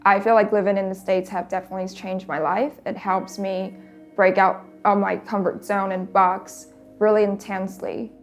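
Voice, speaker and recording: A young woman from Taiwan, a painter talking thoughtfully about her work in a documentary interview, often pausing to search for words. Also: medium pitch.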